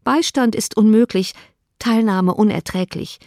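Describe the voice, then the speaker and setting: A woman voicing a sharp-witted young woman who speaks with reproach and exclamation. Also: medium pitch, measured pace, no room sound, clean studio sound, lightly acted. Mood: scornful.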